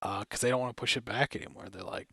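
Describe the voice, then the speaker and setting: A man's voice: medium pitch, quick pace, vocal fry, fairly bright tone, slightly rough, no echo, studio quality. A young man co-hosting a casual podcast, asking loose questions. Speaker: podcast co-host.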